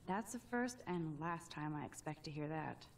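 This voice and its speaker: An actress voicing an introspective, awkward teenage student in a video game, understated, thoughtful and quietly wry. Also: female voice, sits low, animated, moderate pace, recorded from a distance, slight background noise. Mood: sarcastic.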